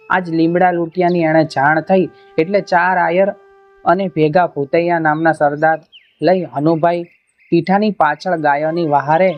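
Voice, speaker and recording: A man narrating a traditional folk tale as scripted storytelling, in a measured, declamatory reading voice. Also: a little high, dry recording. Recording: dull lo-fi narration over faint music.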